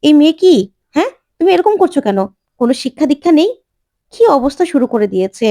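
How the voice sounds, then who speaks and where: A woman voicing a scornful middle-aged aunt who scolds loudly. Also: high voice, sing-song, fast talker, no room sound, studio quality, pitched above the performer's own voice.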